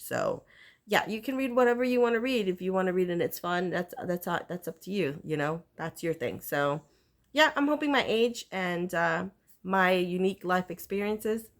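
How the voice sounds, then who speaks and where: A woman from Puerto Rico chatting casually to camera as a book vlogger, rambling with lots of fillers and restarts. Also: lowish voice. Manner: rambling, self-interrupting, many fillers. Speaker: booktuber.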